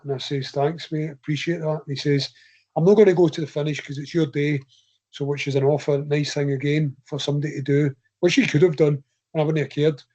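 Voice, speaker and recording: A chatty Scottish man with a mellow, slightly high voice is the guest on a casual podcast interview. An ultra runner, he tells long, rambling anecdotes in his own voice.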